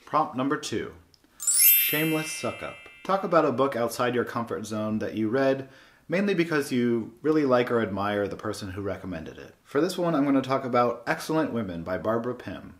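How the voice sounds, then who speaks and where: A man's voice: mid-range voice, lively intonation, brisk. A man hosting a book channel, giving a scripted monologue in a wry, sardonic way. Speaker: booktube host.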